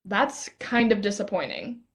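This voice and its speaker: A woman's voice: medium pitch, animated, unhurried. A young woman acting a playful, curious stargazer in a stage play reading, teasing and eager. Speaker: actor in a rehearsed play reading.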